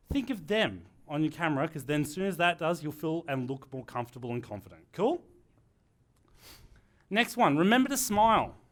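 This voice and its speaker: A man with a slightly high voice teaches a workshop group, his pitch swinging widely as he talks. He sounds energetic and jokes a lot, speaking live to people in the room. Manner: energetic, animated, joking. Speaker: workshop presenter.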